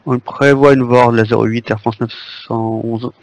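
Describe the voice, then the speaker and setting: A man's voice: medium pitch, flat delivery, normal speed, no room sound, low-quality recording. A man speaking as a pilot over a headset radio, giving formal procedural readbacks to air traffic control. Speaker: airline pilot in online flight simulation.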